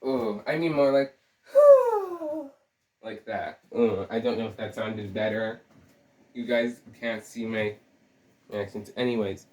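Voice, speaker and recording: A man's voice: lowish voice, measured pace, darkish tone. A young man with a sore throat giving scattered, joking commentary, often cutting himself off mid-thought. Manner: scattered, self-interrupting, joking. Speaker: video essayist. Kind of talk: rambling casual commentary. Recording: roomy, distant from the mic.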